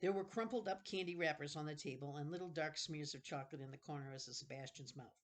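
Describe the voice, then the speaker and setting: Reading a children's novel aloud with lots of expression, this woman speaks low and fast. She tosses in casual asides and now and then stops to fix a word she misread.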